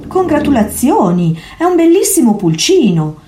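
A woman voicing an excitable, dramatic male cat who exclaims in a shrill voice, reading a storybook aloud. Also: normal speed, lightly acted. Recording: echoey room.

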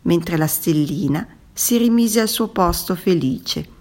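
A woman reading a children's fable aloud in a calm, gentle storyteller's manner. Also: on the low side, slow pace.

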